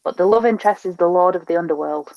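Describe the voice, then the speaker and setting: Woman, kinda low voice, chatty book talk, dull muffled sound. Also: quick pace, vocal fry, no room sound. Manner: enthusiastic, chatty. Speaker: book club co-host. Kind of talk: casual book chat.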